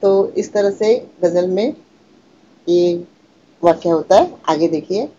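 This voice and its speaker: A woman's voice: fairly low pitch, animated, mellow, breathy edge, lo-fi sound. A woman teaching an online language class, patiently explaining and repeating key words, often asking a question and answering it herself. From Maharashtra, India. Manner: chants meter and recites verse lines slowly. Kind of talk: online Hindi class lecture.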